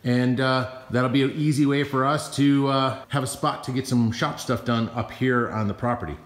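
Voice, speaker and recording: A man's voice: medium pitch, steady tone, normal speed, noisy background. A man in his thirties filming himself on a handheld camera in a big metal barn, chatting casually and joking about his own skills as he builds things, hot and sweaty. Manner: chatty, self-deprecating, working while talking. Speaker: homestead vlogger. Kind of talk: casual DIY vlog. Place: large metal barn, indoors. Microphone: camera at arm's length.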